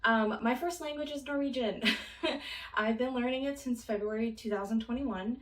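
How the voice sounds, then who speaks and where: A young woman from Minnesota, United States, chats casually in a vlog in a high-side voice at a moderate pace. She rambles with lots of ums and little laughs, recorded from a distance in a roomy, noisy space.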